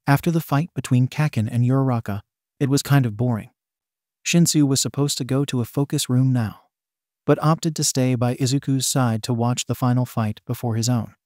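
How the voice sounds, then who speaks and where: A man narrating a fan fiction story aloud in a steady, even reading style. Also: medium pitch, no room sound, studio quality.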